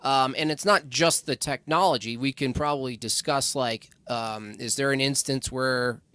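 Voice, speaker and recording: A man chatting as a podcast guest, rambling and halting, now and then quoting others in a mocking voice. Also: medium pitch, bright, forceful tone, smooth, no echo. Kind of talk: casual podcast discussion.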